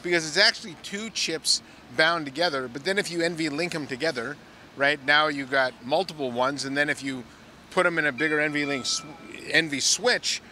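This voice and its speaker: A middle-aged man, an industry analyst, explaining in a measured way with occasional "uh"s, interviewed outdoors on a handheld mic. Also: on the high side, pushed and bright, a little hiss or hum. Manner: measured, explanatory, some filler "uh"s. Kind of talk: on-site analysis chat. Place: outdoor plaza at a conference.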